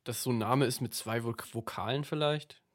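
A man's voice: medium pitch, moderate pace, slight background noise. Young man, student, podcast co-host, easygoing, joking. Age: young adult. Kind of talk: casual chat about favorite songs.

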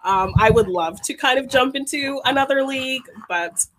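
A woman's voice: sits high, normal speed, a bit bright, a little hiss or hum. A woman chatting as a guest, laughing often and trailing off as she talks. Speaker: guest, league player. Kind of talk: casual chat.

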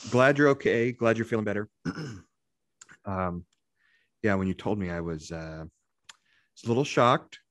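A man co-hosts a podcast in casual banter. His voice sits fairly low but swings around in pitch. He jokes along in a halting way, repeating words as he goes. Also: expressive, a bit bright, no room sound, clean studio sound. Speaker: podcast co-host.

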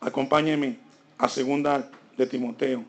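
A man's voice: medium pitch, steady tone, measured pace, creaky, a little mellow. A man preaching a sermon, asking the congregation rhetorical questions and building his emphasis. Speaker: pastor.

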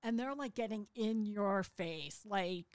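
A middle-aged woman co-hosting a casual chat, upbeat and quick to laugh. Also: medium pitch. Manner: upbeat, laughs often, fills in his stories. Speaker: podcast co-host.

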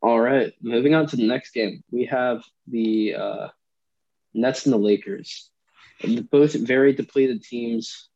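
A man's voice: medium pitch, slow, creaky, a little mellow. A young American man co-hosting a casual sports chat, giving his picks, on dull lo-fi audio. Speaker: sports talk co-host.

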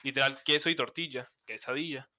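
A man's voice: medium pitch, steady tone, a little fast, pushed and bright, no echo. A man co-hosting a casual livestream chat, talkative and often searching for his words. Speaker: co-host.

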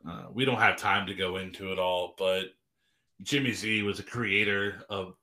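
A man's voice: low-pitched, fairly even intonation, normal speed, bright, forceful tone. A man co-hosting a podcast, chatting casually with a rambling, self-deprecating manner and lots of restarts. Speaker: podcast co-host.

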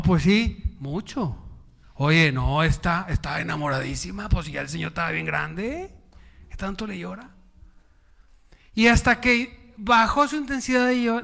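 A man preaching a sermon with call and response, animated, acting out dialogue and dropping to hushed tones. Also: fairly high pitch. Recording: long hall reverb.

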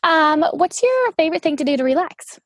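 A woman's voice: high-pitched, sing-song, fairly quick, no room sound. A woman from New Orleans hosting a casual podcast interview, upbeat and chatty, saying "like" a lot. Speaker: podcast host.

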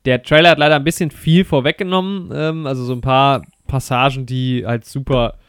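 A man's voice: mid-range voice, fairly even intonation, a little fast, clear, resonant tone, no room sound, studio quality. A man chatting casually while reviewing a film on a podcast, rambling with many fillers and restarts and enthusiastic slang.

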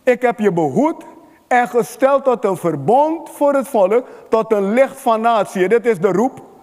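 A man preaching a fervent sermon, calling for amens from the congregation and building to shouts. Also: very high voice, animated, unhurried, in a large hall. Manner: fervent, rises to shouting at climaxes.

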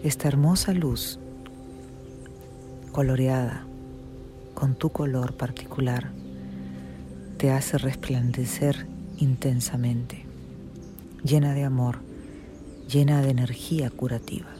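A narrator leads a guided meditation in the soothing, hushed manner of a sleep story, leaving long pauses between phrases. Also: mid-range voice, fairly even intonation. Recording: music behind the voice.

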